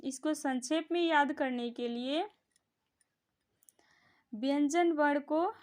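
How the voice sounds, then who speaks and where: A woman's voice: high voice, slow pace, darkish tone. A woman teaching a grammar lesson, patiently repeating each sound aloud for the learner to copy. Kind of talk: classroom-style grammar lesson.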